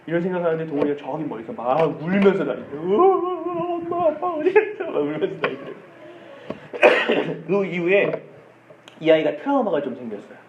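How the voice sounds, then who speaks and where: A Korean male pastor with a slightly high voice delivers a sermon, weaving in family stories, acted quotes, impressions, and soft laughs. It was recorded in a church sanctuary with big, dull echo and faint hiss.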